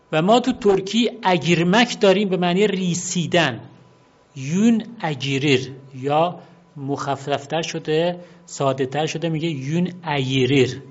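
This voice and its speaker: A man giving an unhurried, explanatory talk on word origins, often pausing to repeat and spell out words. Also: fairly high pitch. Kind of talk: explanatory monologue. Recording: dull lo-fi recording.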